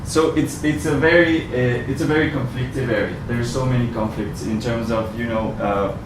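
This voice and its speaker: A man's voice: medium pitch, steady tone, moderate pace. A man from Ecuador giving a presentation to an audience, speaking hesitantly with many ums and restarts. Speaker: researcher giving a talk. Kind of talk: presentation at a community event. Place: venue with a live audience. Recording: roomy sound from far off, noisy.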